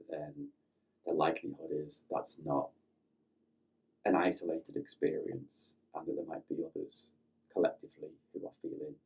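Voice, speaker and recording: A man with a gentle, reflective, soft-spoken manner, leading a guided meditation. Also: low voice, creaky, husky, far from the mic. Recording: slightly dull lo-fi recording with faint music.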